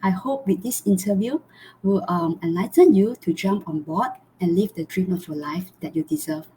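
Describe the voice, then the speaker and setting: A woman's voice: on the low side, normal speed, dark tone, a little hiss or hum. A woman from Malaysia, hosting a live online interview over a video call in an earnest way, with many fillers and restarts. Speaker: host.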